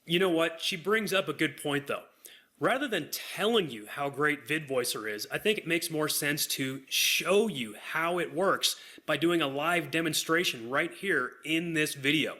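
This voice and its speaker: A man hosting a software demonstration, walking through it in an upbeat sales manner. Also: a little high, lively intonation, moderate pace. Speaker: software demo host. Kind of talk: product demonstration.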